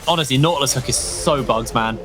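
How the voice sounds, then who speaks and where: A man's voice: mid-range voice, brisk. A man giving joking color commentary on an esports match from a studio desk, teasing his co-caster. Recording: faint music behind.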